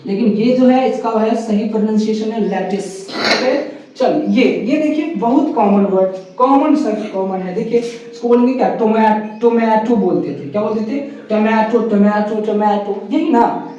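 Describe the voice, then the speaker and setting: A man's voice: high-pitched, dark tone, very echoey, recorded from a distance, rough recording. A man teaching English word pronunciation, repeating each word and quizzing the listener with rhetorical questions. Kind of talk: casual teaching.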